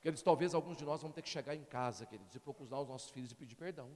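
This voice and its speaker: A middle-aged male pastor preaching a sermon, animated and constantly appealing to the congregation. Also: mid-range voice, very fast, big-room sound. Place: church.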